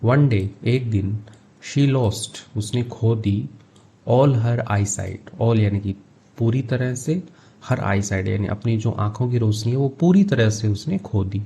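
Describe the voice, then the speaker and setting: Mellow-voiced man teaching English. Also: mid-range voice, vocal fry. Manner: reads English phrases slowly, then explains in Hindi. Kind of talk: line-by-line story translation lesson.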